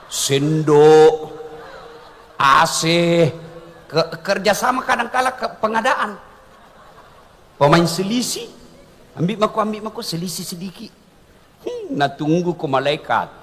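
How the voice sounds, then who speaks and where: A man giving a humorous sermon, joking and animated, asking his audience questions. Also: on the high side, unhurried, long pauses, long reverb tail, a little hiss or hum. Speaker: Islamic preacher.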